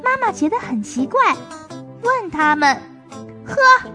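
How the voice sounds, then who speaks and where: Woman storyteller for kids, very high and bright, slow lilting pace, faint music behind. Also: big pitch swings. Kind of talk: children's story narration.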